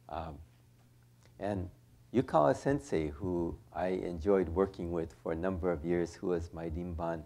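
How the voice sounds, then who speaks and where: A man giving a relaxed, rambling Buddhist lecture with chuckling asides. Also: low voice. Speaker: Buddhist minister. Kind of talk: informal Dharma lecture.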